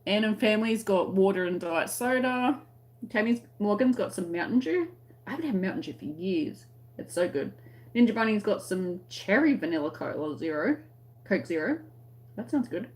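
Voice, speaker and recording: A woman's voice: medium pitch, expressive, moderate pace, a little mellow. A woman with an Australian accent chatting casually to live-stream viewers in a rambling, conversational way, often trailing off mid-thought. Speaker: crochet tutorial live-stream host.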